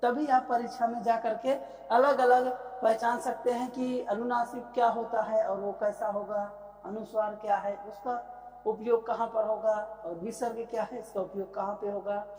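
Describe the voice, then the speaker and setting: A woman teaching an exam-prep grammar lecture, asking questions and then answering them, drawing out example words slowly. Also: a little high, level tone, a little mellow. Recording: echoey room with long reverb.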